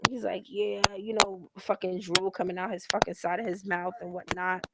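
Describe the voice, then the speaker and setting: A woman with a lowish, flat, slightly fast voice hosts her own broadcast, recapping a reality show. She is blunt and profane, leans heavily on slang and lectures her listeners directly. The home recording is hissy.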